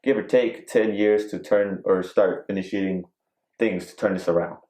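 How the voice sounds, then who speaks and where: Low-voiced rambling man in an echoey room. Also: steady tone, moderate pace, warm tone. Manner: rambling, filler-heavy, joking. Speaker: podcast co-host. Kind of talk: casual chat.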